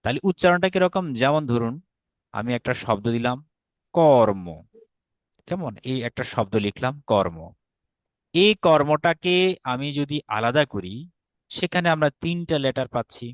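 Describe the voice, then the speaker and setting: Bangladeshi man, online teacher, patient, mid pitch, dry close sound; keeps checking in with students. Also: a bit bright, no room sound. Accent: Bangladeshi Bengali. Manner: patient, checks understanding often. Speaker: Sanskrit teacher. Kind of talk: online grammar class.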